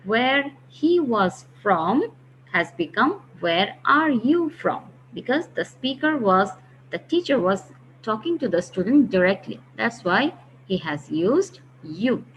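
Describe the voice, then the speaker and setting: A woman's voice: on the high side, sing-song, takes it slowly. A woman teaches a grammar lesson, patiently explaining and repeating key phrases. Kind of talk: recorded online grammar lesson. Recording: dull lo-fi recording with faint hiss.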